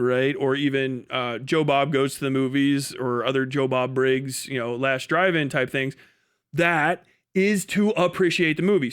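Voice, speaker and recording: This livestream host is a man whose clean, fairly bright voice is on the high side. He comments off the cuff in an emphatic, argumentative, repetitive manner, with swearing tossed in casually.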